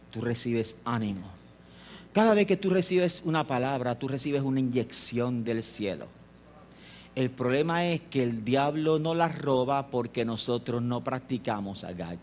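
A man preaching a sermon, telling stories with repeated phrases and swinging between loud passages and hushed ones. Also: mid-range voice.

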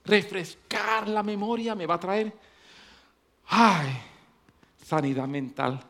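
Guy pastor preaching, pretty high voice, repeats lines for punch, loud then hushed. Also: lively intonation, unhurried. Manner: swings from loud emphatic preaching to low quiet speech; repeats phrases for emphasis. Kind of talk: sermon.

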